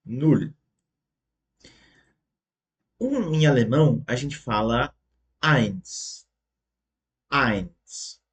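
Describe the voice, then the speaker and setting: A man teaching a German lesson online, slowly and patiently repeating words for the learner and checking in often. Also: mid-range voice, animated. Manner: ends phrases with checking tags.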